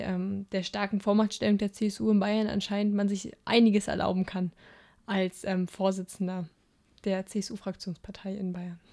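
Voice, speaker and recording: A young woman co-hosts a political podcast in casual chat, speaking in a warm, mid-range voice with vocal fry. She sounds hesitant, with frequent filler sounds and restarts.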